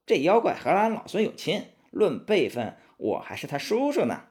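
A man's voice: sits high, big pitch swings, moderate pace, darkish tone, voice pushed up. Sun Wukong, a man doing a cocky monkey king. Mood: cheerful. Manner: boastful and teasing. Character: boastful, cheeky monkey king. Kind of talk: children's storybook narration.

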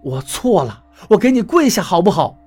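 A man voicing a panicky middle-aged Taoist priest who shouts and begs in a flustered way. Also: sits high, big pitch swings, moderate pace, breathy edge, soft background music, exaggerated voice. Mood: begging. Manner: loud, pleading, flustered.

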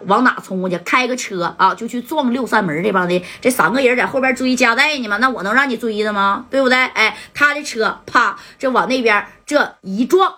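Storyteller: a woman with a raspy, slightly high voice, spinning a colloquial gangster tale full of sound effects. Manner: lively, mimics sound effects and acts out characters' shouts.

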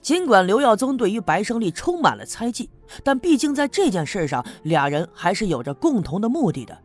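Animated man narrating a serialized story. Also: high-pitched, fairly quick. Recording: faint background music.

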